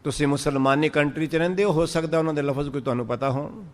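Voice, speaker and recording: A man with a Punjabi accent giving a sermon, drawing out verses slowly and then explaining them in lively speech. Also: on the high side, big-room sound. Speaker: Sikh preacher. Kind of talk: sermon on scripture.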